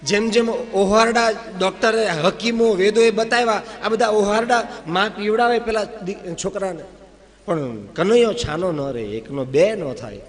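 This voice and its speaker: High-pitched male katha narrator, animated, in a reverberant hall. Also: measured pace. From Gujarat, India. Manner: animated, acting out scenes. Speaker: religious storyteller. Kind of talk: devotional katha storytelling. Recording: reverberant hall with faint music.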